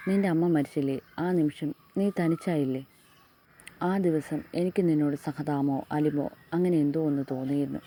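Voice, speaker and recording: A woman voicing a devoted young husband in an audio love story, speaking softly and earnestly. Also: low-pitched, fairly even intonation, a little fast, a little hiss or hum, lightly acted.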